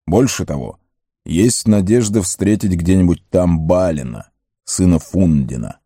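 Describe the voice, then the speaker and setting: A man plays a wise old wizard with a very low, dark voice. He speaks gravely and measures his words. The sound is dry and close. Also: no echo.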